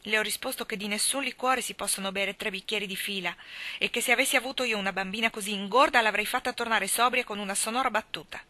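A stern, practical older guardian, as a woman reader puts her on, speaking in a brisk, no-nonsense way. Her words come out crisp and bright. It is a storybook reading. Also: medium pitch, no room sound, close to an everyday voice. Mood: irritated.

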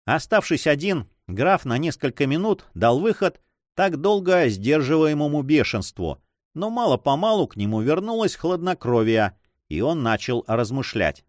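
A man narrating an adventure audiobook in a measured storytelling manner. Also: on the high side, very animated, dry recording, clean studio sound.

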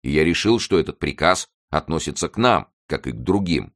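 A man reads as a quick-witted musketeer who stays dry and ironic. The voice is very deep. It is a storybook reading. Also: animated, fairly bright tone, full character voice. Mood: wry.

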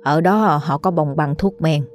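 Sensible old village wife, as a woman reads her, calm reasoning tone, low mellow voice, faint music. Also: a little slow. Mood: persuasive.

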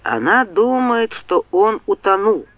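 A woman reading an audiobook, voicing a cool-headed young man who answers in a measured, cutting way. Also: mid-range voice, very animated, no room sound, phone-quality sound.

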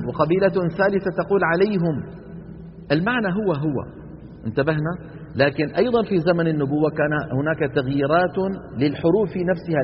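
A man, his voice pitched a little high, lectures to a class and keeps asking whether they follow. The recording is dull and lo-fi, with a long reverb from the hall. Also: a little hiss or hum. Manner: explains by example, often checks the class with "انتبهنا؟". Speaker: Quran recitation teacher.

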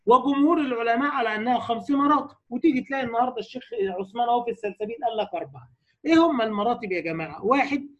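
High-voiced Egyptian tajweed teacher. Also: male voice. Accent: Egyptian Arabic. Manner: brisk explanatory, asks the class rhetorical questions. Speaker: Quran recitation teacher. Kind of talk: tajweed lecture.

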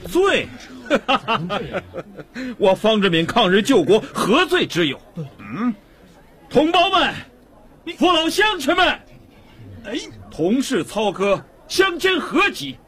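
A husky, unbending revolutionary prisoner. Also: male voice, low-pitched, animated, full character voice. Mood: defiant, proclaiming. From Yiyang, China. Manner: measured, dignified. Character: imprisoned male revolutionary, calm, unbending. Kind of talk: radio drama acting.

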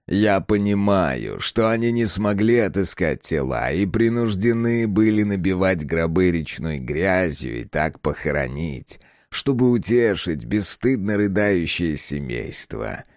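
A man's voice: sits low, expressive, measured pace, darkish tone, no room sound, studio quality. A man voicing a fanatical old male prison warden who preaches sanctimoniously and rises to shrieks, in an audiobook reading. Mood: self-righteous.

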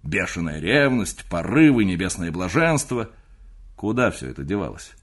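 A man's voice: deep voice, sing-song, normal speed, husky, exaggerated voice. A man reading aloud, voicing a sardonic middle-aged uncle who mocks and grumbles. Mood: mocking. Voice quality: mocking, grumbling.

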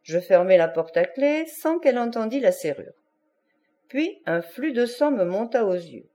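A woman narrating an audiobook in an even, measured way. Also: on the high side. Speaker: audiobook reader.

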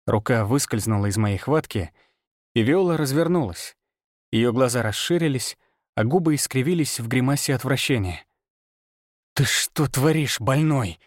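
A man narrating a fantasy audiobook in the first person, steady and measured. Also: mid-range voice, dry recording, studio quality.

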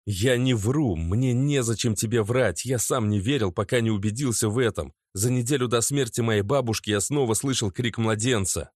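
A man's voice: medium pitch, moderate pace, hardly any pauses, a little mellow, no echo, studio quality, natural voice. A man playing an anxious pleading young man. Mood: earnest. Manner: hesitant, earnest, pleading.

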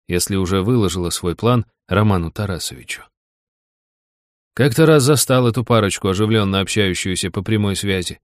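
A man narrating a first-person audiobook in an even, steady storytelling manner. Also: fairly low pitch, no echo, studio quality.

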